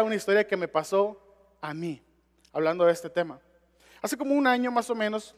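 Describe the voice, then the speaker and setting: Man, pastor, very high voice, sermon storytelling, chatty and direct, long hall reverb. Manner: conversational, addresses listeners directly.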